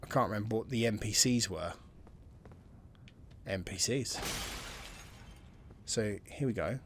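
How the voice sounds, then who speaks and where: This gameplay commentator has a fairly low voice and an unhurried pace, with slight background noise. Offering casual let's-play commentary, he thinks aloud and muses, sometimes sinking to a near-whisper.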